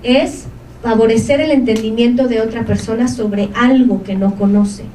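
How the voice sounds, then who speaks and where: A woman presents an information session to a live audience, regularly checking in with short questions. Her voice is fairly high and mellow, captured from a distance in an echoey room with faint ambience and slight background noise.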